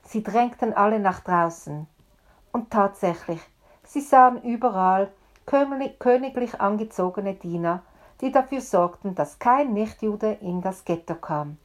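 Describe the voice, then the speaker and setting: A woman telling a story in a deliberate, expressive way. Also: mid-range voice. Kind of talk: told story.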